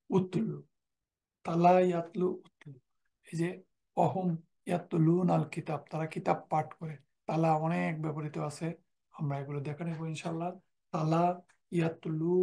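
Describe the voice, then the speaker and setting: A man gives a recorded lecture on Quranic Arabic grammar, drilling verb forms aloud and reciting verses between them. His voice has a rough, gravelly edge. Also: a little high, a little mellow.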